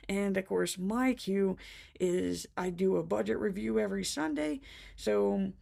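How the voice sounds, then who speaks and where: A woman's voice: mid-range voice, takes it slowly, creaky, dark tone. A woman vlogger chatting casually to camera, laughing often and short of breath after being sick. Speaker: planner vlogger.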